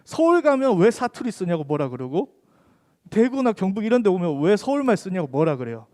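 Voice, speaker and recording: A man's voice: high-pitched, big pitch swings, brisk, darkish tone. A man in his thirties preaching to a youth group with a Korean accent mixing Gyeongsang dialect and Seoul speech, telling funny stories and asking his teen listeners questions. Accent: mixed Gyeongsang and Seoul Korean. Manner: chatty, jokes with and questions the teen audience. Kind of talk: sermon with humorous storytelling.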